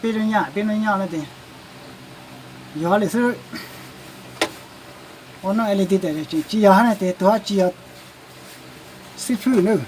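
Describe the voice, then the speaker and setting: A man with a fairly high voice walks through a car repair in a relaxed, hands-on way, pointing out parts as he explains each step. A faint hum of noise sits behind him in the workshop. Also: unhurried, pauses often, poor audio. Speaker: car mechanic. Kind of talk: casual hands-on repair demonstration. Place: garage or workshop.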